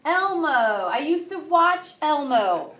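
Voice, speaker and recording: A young woman teaching Spanish grammar to a class, explaining lively and asking students questions. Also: high-pitched, slow. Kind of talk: classroom lesson.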